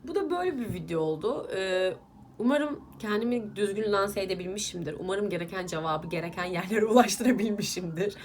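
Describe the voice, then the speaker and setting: A woman's voice: mid-range voice, animated, a little fast, a little hiss or hum. A young woman vlogger, casually ranting at viewers while doing her makeup, irritated and emphatic. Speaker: beauty vlogger.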